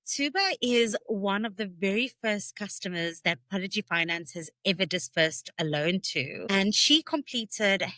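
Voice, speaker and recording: Upbeat, bright woman podcast host. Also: medium pitch, animated, measured pace, few pauses, dry recording. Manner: upbeat and friendly. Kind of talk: scripted podcast hosting.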